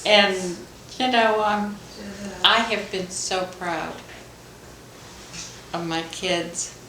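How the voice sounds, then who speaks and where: Slow-talking grandmother telling family stories. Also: medium pitch. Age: older. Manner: chatty, emotional storyteller. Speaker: grandmother being interviewed. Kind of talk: casual family chat. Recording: roomy home recording with loud noise.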